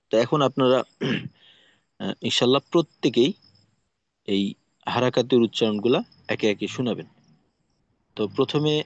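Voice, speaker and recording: A man teaching Quran reading in an online class, spelling out Arabic letters one by one and repeating each sound slowly for his students. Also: mid-range voice, a little mellow, no echo, dull audio.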